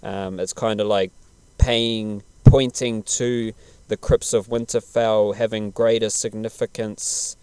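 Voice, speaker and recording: A man's voice: lowish voice, level tone, slow, a little mellow, clean tone, no room sound. A man chatting casually as a podcast host, laid-back, slangy and rambling. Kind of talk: casual podcast chat about television.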